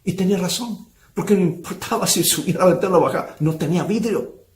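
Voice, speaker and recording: A man's voice: sits high, fast talker, reverberant. A male pastor preaching a sermon, asking rhetorical questions of the brethren.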